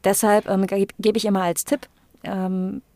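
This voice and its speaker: A woman's voice: medium pitch, level tone, normal speed, warm tone, dry recording. A woman voice coach explaining her work in a podcast interview, thoughtful and explanatory, with frequent fillers.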